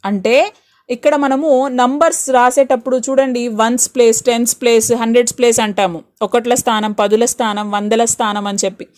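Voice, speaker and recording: Woman teacher, bright higher register, reassuring exam-prep explainer. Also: fairly even intonation, fairly quick. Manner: reassuring, explains step by step with rhetorical questions; mixes Telugu with English words. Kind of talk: exam-prep grammar lesson.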